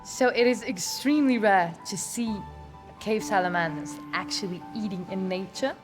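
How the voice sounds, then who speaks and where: A woman explains things as an expert being interviewed for a documentary. Her pitch is average, and music runs prominently under her speech. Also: moderate pace. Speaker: cave salamander expert. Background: prominent background music.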